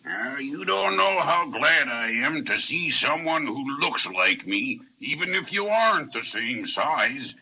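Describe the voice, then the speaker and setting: Fee Foo, a bright, swooping gentle giant. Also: male voice, medium pitch, very animated, unhurried, hardly any pauses, breathy edge, exaggerated voice. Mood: kindly. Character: huge, gentle, kindly, weak-eyed giant. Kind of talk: 1930s children's radio serial acting. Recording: dull, band-limited vintage radio recording.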